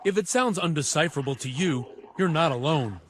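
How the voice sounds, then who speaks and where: A man narrating a television news investigation in a measured, dramatic scripted delivery. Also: a little high, expressive, heavy background noise. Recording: music bed under voice.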